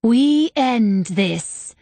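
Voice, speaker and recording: A woman's voice: mid-range voice, animated, slow pace, darkish tone, dry recording. A woman voicing a malicious female priestess villain who snarls her threats, in an audiobook reading. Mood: menacing. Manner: snarling, menacing. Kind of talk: audiobook character voice.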